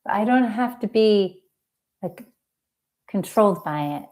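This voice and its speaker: A woman hosting a live healing talk, speaking gently and reflectively with drawn-out words. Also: medium pitch, lively intonation. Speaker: emotional healing coach and host.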